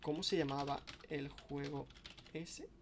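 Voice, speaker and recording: Chatty young streamer, higher voice. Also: male voice, fairly even intonation, unhurried, creaky, slight background noise. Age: young adult. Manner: chatty, swearing, restarting sentences. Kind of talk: casual live-stream chat.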